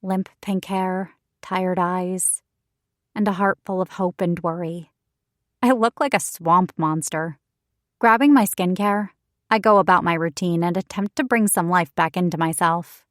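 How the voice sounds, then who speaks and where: A woman's voice: on the low side, unhurried, no echo, clean studio sound. Woman narrating a wry first-person romance audiobook.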